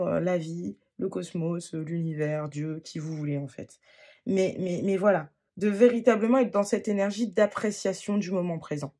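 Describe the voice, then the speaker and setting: A tarot reader works through a reading off the cuff, her gentle, halting speech punctuated by fillers and restarts. The voice sits in a middle range and sounds husky and faintly breathy.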